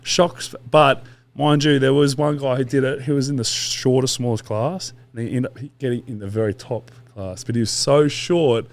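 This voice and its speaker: A man's voice: mid-range voice, fairly even intonation, normal speed, few pauses. A man, a podcast guest telling long stories in a casual, rambling way with quoted asides and swearing. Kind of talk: casual interview chat.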